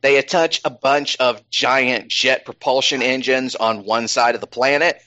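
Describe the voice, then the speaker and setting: A man hosting a casual podcast chat, wandering from point to point with lots of ums and self-corrections. His voice sits at an ordinary middle pitch. The recording sounds a little dull and lo-fi. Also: fairly even intonation, measured pace, sharp tone. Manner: rambling, many ums and restarts.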